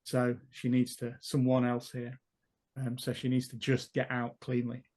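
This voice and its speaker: A man at a tabletop game voices his character's choices at an ordinary mid pitch. He thinks aloud and pieces the scene together one step at a time. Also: completely flat delivery, a little slow, darkish tone. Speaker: player. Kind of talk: tabletop role-play storytelling.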